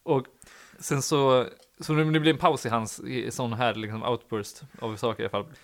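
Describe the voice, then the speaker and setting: A man's voice: mid-range voice, steady tone. Rambling young man telling a story. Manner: rambling, filler-heavy, laughs at own story. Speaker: podcast host. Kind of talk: casual anecdote telling.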